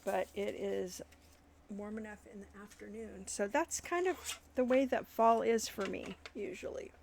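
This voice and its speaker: A woman hosting a craft tutorial, thinking aloud in an unhurried way as she works at her desk, with soft asides. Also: medium pitch, vocal fry, a little hiss or hum. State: yawning, warm. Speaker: crafting channel host. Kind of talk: casual craft tutorial chat.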